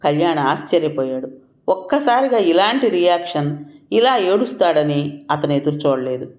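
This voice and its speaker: A narrator telling a scripted audio story at mid pitch, steady and expressive. The reading echoes around a roomy space. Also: moderate pace. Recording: roomy echoing room.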